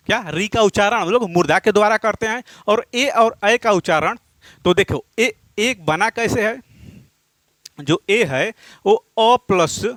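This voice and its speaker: High-voiced male teacher, dry sound. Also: a bit bright, no echo. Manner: asks questions and answers them himself, repeating key points; drops low and slows down on answers, counts aloud. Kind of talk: classroom grammar lesson.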